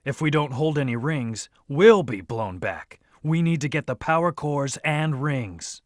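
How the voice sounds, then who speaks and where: A man's voice: a little high, lively intonation, a little slow, no room sound, studio quality. A man voicing a video game's arrogant, brooding hedgehog antihero, speaking in a terse, stern, commanding manner. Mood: stern, determined. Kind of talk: video game character voice lines.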